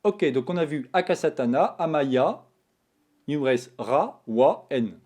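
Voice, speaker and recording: A man's voice: on the high side, a little slow. A man hosting a Japanese lesson, chatting casually while he draws characters on a tablet. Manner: relaxed, chatty, talks while drawing strokes. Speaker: Japanese teacher, channel host. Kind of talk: casual screen-tablet writing tutorial.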